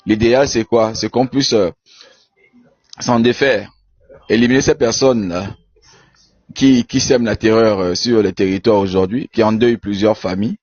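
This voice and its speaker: A man from Benin speaking in an online debate, halting with many repeated words and fillers. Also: lowish voice, fairly even intonation, a little mellow, no echo, soft background music. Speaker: debate participant. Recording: dull lo-fi audio.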